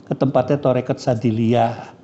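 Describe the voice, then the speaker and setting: A man's voice: medium pitch, fairly even intonation, normal speed, mellow. A man, teaching scripture as a cleric in a casual, joking and frank way. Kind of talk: casual religious study lecture. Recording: dull lo-fi recording.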